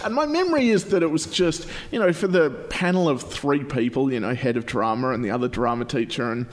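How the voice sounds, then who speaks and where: Podcast host, male, late twenties, mid-pitched, chatty and self-mocking, cave-like echo of a living room. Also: expressive, fairly quick. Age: late 20s. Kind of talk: casual chatty podcast interview. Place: large living room, indoors.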